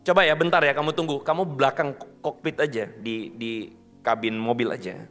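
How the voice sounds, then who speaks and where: A man voicing a calm, unhurried old man on a bicycle who speaks slowly and easily. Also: mid-range voice, in a large hall, soft background music, lightly acted. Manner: slow and easygoing.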